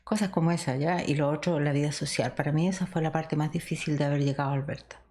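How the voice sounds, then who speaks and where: A middle-aged woman from Chile co-hosts a podcast and tells her memories in a reflective, conversational way. Her voice sits low, and she laughs easily as she talks. A faint hiss runs under the recording. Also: fairly even intonation, fast. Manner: warm, reminiscing, laughs often. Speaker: podcast co-host.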